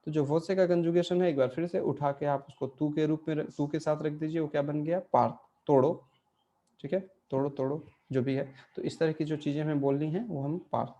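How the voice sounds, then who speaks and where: A man's voice: on the high side, steady tone, brisk, mellow, dull audio. A man teaching an online language class, explaining grammar step by step and answering his own questions.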